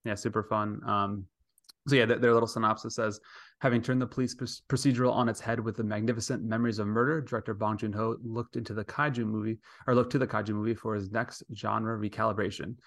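A man with a lowish voice and plenty of vocal fry hosts a podcast. His delivery is casual and conversational. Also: flat delivery, fast talker, a bit bright, no room sound. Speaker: podcast host. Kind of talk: casual, chatty hosting.

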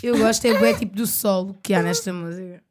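A woman's voice: mid-range voice, a little fast, loud music behind the voice. A young woman, chatting casually about songs. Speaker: music show participant. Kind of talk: casual chat.

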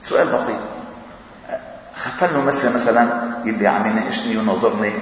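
A Lebanese man with a Levantine Arabic accent gives an informal mosque talk, preaching briskly and casually, often chuckling and asking his listeners questions. He's recorded far from the mic in a large echoing hall with a long reverb tail and slight background noise.

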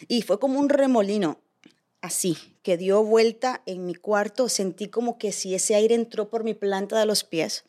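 A woman on a podcast panel telling a scary personal story in a casual, animated way, dropping in English phrases. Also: medium pitch, normal speed.

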